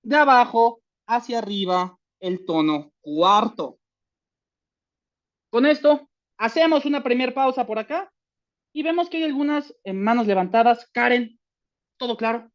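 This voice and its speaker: A woman teaching a language class online, slowing down to demonstrate each sound. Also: on the high side, expressive, highs cut off.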